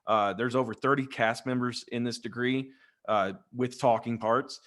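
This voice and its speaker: A man's voice: medium pitch, fairly even intonation, moderate pace, fairly bright tone. A man, a Freemason guest in a casual interview, rambling and jokey as he tells stories into a desk microphone over a video call. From West Texas.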